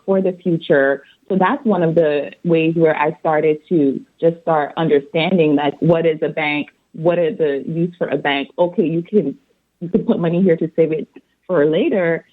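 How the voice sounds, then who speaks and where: A woman from Barbados, an accountant and author, calmly explaining her answers as a guest on a radio interview. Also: deep voice. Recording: tinny phone line.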